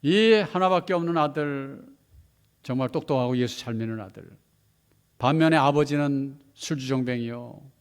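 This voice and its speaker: Male pastor, sermon storytelling, dramatic loud-soft swings, fairly high, long church reverb. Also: gravelly. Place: church hall.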